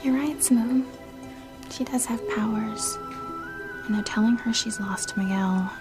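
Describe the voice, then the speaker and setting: A woman's voice: a little high, a little slow, natural voice. An actress playing a fretful, lovelorn young woman in a soap opera. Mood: despairing. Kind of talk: daytime soap opera acting. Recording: music under the dialogue.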